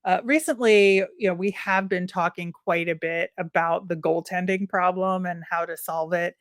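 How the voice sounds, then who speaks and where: Low-voiced woman co-hosting a sports podcast. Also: fairly even intonation, normal speed, no echo, studio quality. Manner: conversational, thinking aloud with fillers. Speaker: podcast co-host. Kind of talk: casual sports podcast chat.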